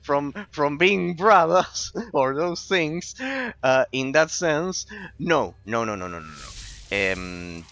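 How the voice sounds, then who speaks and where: A Spanish-speaking man in his late twenties with an Argentine accent chats casually to viewers while live-streaming a game, rambling and repeating phrases for emphasis. His voice is a little high, sing-song and a bit bright, at a slow pace, in a dry recording.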